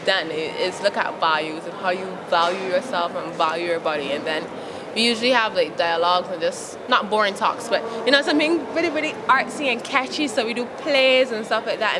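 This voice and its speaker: A young woman from Barbados with a Barbadian accent, speaking frankly and laughing often as she answers interview questions outdoors. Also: mid-range voice. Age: young adult. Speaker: interviewee, youth advocate. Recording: outdoor recording with traffic noise.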